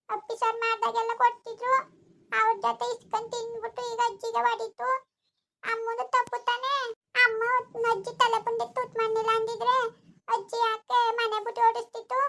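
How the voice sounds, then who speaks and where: A woman's voice: very high-pitched, monotone, normal speed, creaky, a little hiss or hum, pitched above the performer's own voice, exaggerated voice. A woman doing a tearful little village boy. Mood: tearful, pleading. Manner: soft, whiny and pleading. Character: young boy, upset and tearful. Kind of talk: village comedy skit acting.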